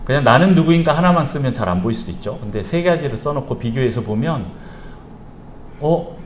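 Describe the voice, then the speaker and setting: A man preaching a sermon as pastor in a church sanctuary, telling stories in an animated, playful way. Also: mid-range voice, quick pace. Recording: echoey church hall, faint hiss.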